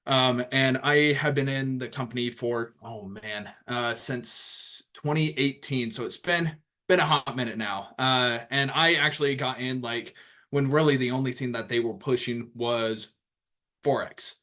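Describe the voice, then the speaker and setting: A man's voice: mid-range voice, a little slow, bright, forceful tone. Rambling young man hosting a video call. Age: 20s. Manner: rambling, casual, lots of fillers and restarts. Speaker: host of an online training call. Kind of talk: casual self-introduction on a group call.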